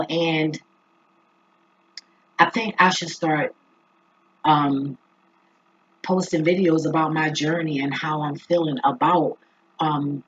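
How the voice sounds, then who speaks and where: A vlogger with a husky voice talking casually and reflectively to viewers, halting and thinking aloud. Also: mid-range voice, a bit bright. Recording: dull lo-fi recording.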